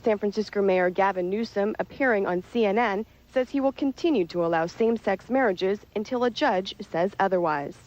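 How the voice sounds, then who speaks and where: A woman's voice: mid-range voice, a little fast, hardly any pauses, darkish tone, highs cut off. A woman with an American accent reporting live for television news, moving between explanation and scripted narration.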